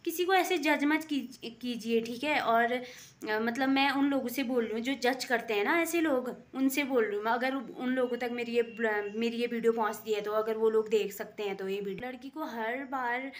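Young female vlogger, home setting, chatty and rambling, earnest, slightly high voice. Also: normal speed. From Indian hills. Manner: chatty, rambling, with many fillers; earnest, gently pleading. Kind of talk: casual daily vlog monologue. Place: at home, sewing.

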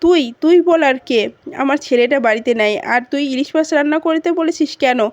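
A woman's voice: sits high, a little fast, no echo, dull audio, natural voice. A woman voicing a bitter mother of the household in her plain retelling voice.

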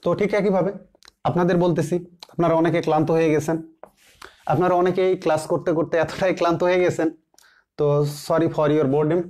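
Guy teaching english grammar, fairly high voice, spells out examples slow, asks himself questions. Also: fairly even intonation, a little mellow. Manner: repeats English examples slowly word by word, asks and answers his own questions. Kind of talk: classroom grammar lesson.

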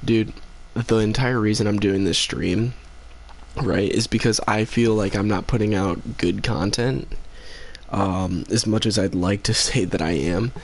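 Late at night, a tired young man live-streams a game and chats with viewers in a laid-back, rambling way, full of fillers and reading chat aloud. His voice is lowish and his pace measured.

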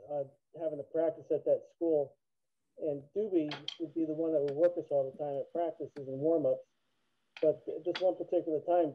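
A man in his fifties, a former drum line member, telling a memory in a halting way with many fillers. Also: on the high side. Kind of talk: casual reminiscing chat. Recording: tinny phone-like call audio.

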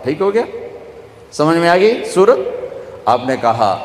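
Punjabi-accented preacher in an echoey hall. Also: male voice, fairly high pitch, sing-song, a little hiss or hum. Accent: Pakistani Punjabi. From Pakistan. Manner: storytelling, acts out dialogue, switches into Punjabi for punchlines. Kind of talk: sermon. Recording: echoey hall, faint ambience.

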